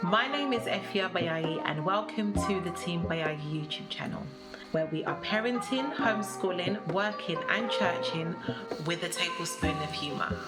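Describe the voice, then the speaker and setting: A woman's voice: on the low side, lively intonation, normal speed. A woman hosting her own channel, giving an upbeat scripted introduction in a sing-song lilt. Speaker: YouTube channel host. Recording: intro with loud background music.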